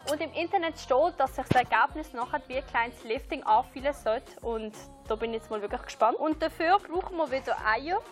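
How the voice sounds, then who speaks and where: High-voiced young woman presenting a how-to. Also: lively intonation, brisk, hardly any pauses. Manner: chatty, explains each step. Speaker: presenter testing beauty masks. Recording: faint music behind.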